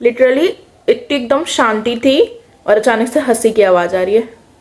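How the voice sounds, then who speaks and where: A young woman vlogger with an Indian accent shares a personal story in a chatty, animated way, slipping English words into her speech. Her voice is a little high and she takes her time.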